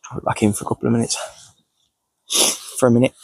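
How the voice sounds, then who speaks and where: Out in the countryside, a sniffly man fighting a cold casually talks through his cooking as he works, with nothing scripted. He speaks fast at a medium pitch, flat and creaky yet mellow and husky. The recording is dry and of poor quality.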